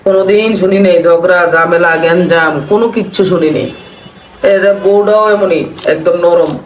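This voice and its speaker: Here a Bangladeshi vlogger talks over her cooking, circling back to mournful memories again and again. Her lowish voice keeps a fairly even intonation at normal speed, captured from afar in a roomy space with faint noise.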